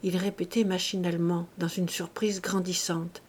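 A woman narrating a classic short story in a measured, soft manner. She reads steadily, her narration quieter than the characters' lines. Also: fairly low pitch, little pitch movement, breathy edge. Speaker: audiobook reader. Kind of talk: literary narration.

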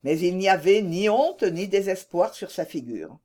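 A woman reading a classic novel aloud as an audiobook narrator, in a measured storytelling manner. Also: lowish voice, lively intonation, warm tone. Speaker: audiobook reader.

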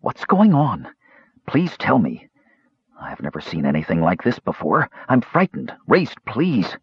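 A man voicing a big, gentle warrior who pleads softly and fearfully with his sick brother. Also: on the low side, wildly swooping pitch, unhurried, breathy edge, no echo, dull audio, full character voice. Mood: frightened. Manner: pleading, frightened, soft.

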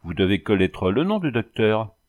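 A man's voice: on the low side, sing-song, moderate pace, a little mellow. A man voicing an earnest young husband who keeps pressing his wife with questions.

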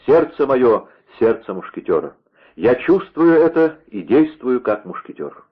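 A man reading a proud, hot-blooded young swordsman in a lowered, earnest voice, on a tinny radio-like line. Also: big pitch swings, unhurried, husky. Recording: tinny phone-like radio sound.

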